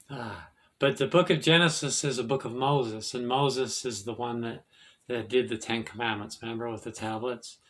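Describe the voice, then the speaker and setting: Male host, mid-pitch, rambling lecture style, loose and halting delivery. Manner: rambling, halting, many restarts and fillers; self-correcting, laughs at own slips. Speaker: occult video host. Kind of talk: casual explanatory monologue.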